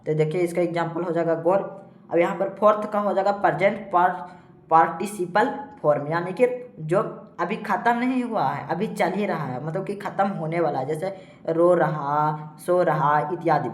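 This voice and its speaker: A woman teacher with a Bihari Hindi accent, giving a classroom lesson and reading word lists aloud slowly. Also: fairly low pitch, reverberant. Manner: reads word lists aloud slowly, adds frequent "theek hai".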